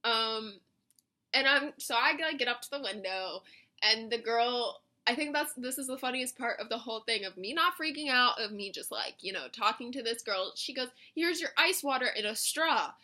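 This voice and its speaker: Bright high-voiced young woman rambling. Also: normal speed. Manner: chatty, rambling, lots of "like" and self-mocking laughs. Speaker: vlogger. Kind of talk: casual storytime vlog.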